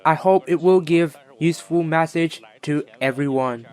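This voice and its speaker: Higher-pitched man giving formal remarks. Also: normal speed, a little mellow. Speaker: invited guest speaker.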